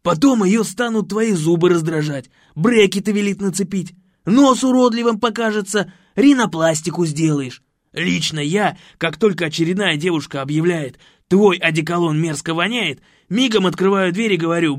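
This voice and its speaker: A man doing a loud, brash know-it-all. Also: sits high, normal speed, no echo, clean studio sound, lightly acted. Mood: lecturing. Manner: loud, bossy, lecturing. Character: brash, overbearing male companion, loud and mocking. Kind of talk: audiobook character voice.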